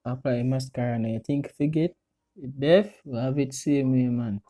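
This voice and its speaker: A Jamaican man talks casually through a process step by step. His voice is extremely mellow and dark, with no sharpness to it. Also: mid-range voice, moderate pace. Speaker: friend doing a makeup voice-over.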